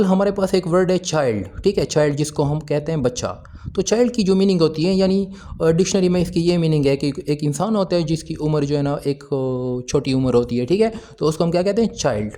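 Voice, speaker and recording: Mellow-voiced man explaining exam answers. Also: a little high. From Pakistan. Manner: explanatory, asks and answers his own questions, reads English items slowly. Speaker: English teacher.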